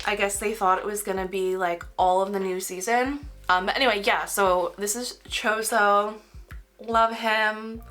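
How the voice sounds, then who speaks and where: A tired young woman, sick with a cold, rambles through a casual crafting vlog while packing orders, peppering her talk with "like." Her voice sits in the mid-range, slightly nasal, with a pushed and bright sound.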